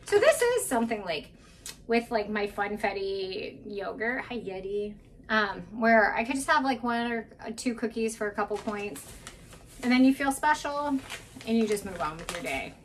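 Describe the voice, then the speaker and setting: Very animated, this vlogger in her thirties chats through her grocery haul in a home kitchen at a moderate pace, candid and full of self-deprecating asides. Her voice is mid-range. The camera mic sits a few feet away, so she sounds distant with a little hiss or hum.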